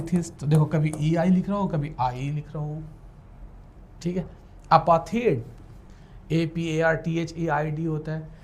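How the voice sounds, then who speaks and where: Guy with doing a spelling class, lots of ok? and clear?, spells words out, a bit of hiss behind. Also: on the high side, darkish tone. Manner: explains in Hindi, switches to English for definitions and spells words letter by letter; keeps checking in with the class. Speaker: English teacher for law entrance exams. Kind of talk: classroom lecture with spelling drills.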